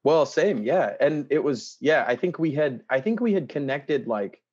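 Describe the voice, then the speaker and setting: A man's voice: fairly high pitch, animated, normal speed, darkish tone, breathy edge, highs cut off. A man guest on a podcast, chatting casually and telling stories. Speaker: guest musician. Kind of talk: casual interview chat.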